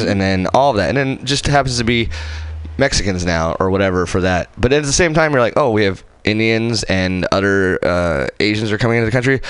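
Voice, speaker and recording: A man's voice: on the low side, clean tone, no echo. A man in his thirties from Southern California, chatting casually and self-deprecatingly as a radio guest. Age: 30s.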